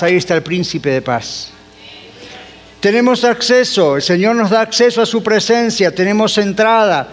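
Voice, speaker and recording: High-voiced pastor preaching in a reverberant church. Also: male voice. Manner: preaching with rhetorical questions and repeated answers; mixes in English phrases. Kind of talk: sermon.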